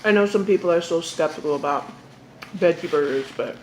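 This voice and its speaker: A young woman casually telling a story to the camera during an eating show, talking while she eats and pausing for bites. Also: on the low side, a little mellow. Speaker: mukbang vlogger. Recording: echoey room with faint background noise.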